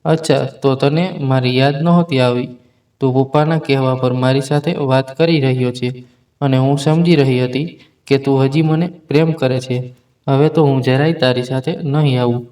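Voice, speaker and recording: A man voicing an angry, defiant young wife in a spoken story, in a sharp tone. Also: medium pitch, steady tone, moderate pace, natural voice.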